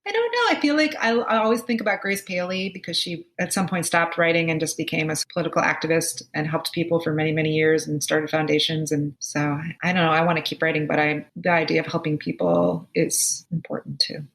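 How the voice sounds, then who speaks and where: Guest, woman near fifty: low, gravelly, chatty, rambling with fillers. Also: brisk, few pauses. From United States. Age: around 50. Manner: chatty, thinks aloud with many fillers. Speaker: guest author. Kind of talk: casual conversation.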